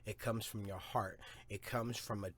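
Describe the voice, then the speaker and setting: Low-voiced, profane podcast host. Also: male voice, steady tone, moderate pace, fairly bright tone. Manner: profane, rambling, hyped, repeats himself. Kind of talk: casual podcast monologue. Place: home studio or car, smoking a blunt.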